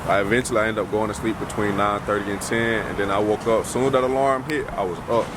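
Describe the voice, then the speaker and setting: A young man vlogging casually to his phone camera, rambling loosely with slangy speech and thinking out loud as he corrects himself. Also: on the low side, fairly even intonation, fast talker, noisy background. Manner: laid-back slangy speech. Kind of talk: casual vlog talk to camera. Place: at home, then in a car before dawn.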